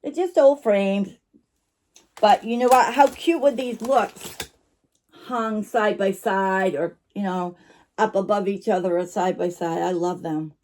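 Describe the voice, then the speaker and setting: Speaking at a measured pace, this woman has a medium-pitched voice with a darkish tone. As an online vintage shop owner and vlogger, she talks casually to camera about her shop finds, rambling apologetically, interrupting herself, and chewing gum throughout.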